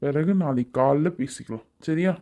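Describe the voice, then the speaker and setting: A woman's voice: low-pitched, moderate pace, dark tone. A woman voicing a grumpy, dismissive young businessman in a cartoon. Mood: calm. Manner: irritable, offhand, dismissive. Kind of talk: cartoon voice acting.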